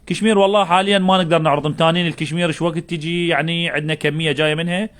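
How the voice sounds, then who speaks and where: An Iraqi man sells live with a somewhat high voice. His patter is repetitive and casual, broken up by effusive greetings to the people joining in. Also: steady tone, very fast, fairly bright tone. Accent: Iraqi Arabic. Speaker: live-stream seller of bale goods and home textiles. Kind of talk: live sales pitch with casual banter, greeting viewers.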